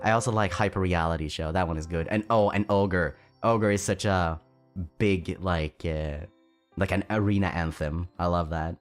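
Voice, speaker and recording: A man's voice: deep voice, normal speed, soft background music. A man streaming casually, reading donations aloud and answering chat, chatty and self-deprecating, often stumbling over his words. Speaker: VTuber streamer.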